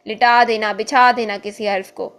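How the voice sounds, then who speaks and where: A woman teaching Quran reading, explaining patiently and slowing down to show each sound. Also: medium pitch, steady tone, fairly bright tone. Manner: patient, repeats points, slows to demonstrate sounds. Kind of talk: explanatory lesson with recited examples.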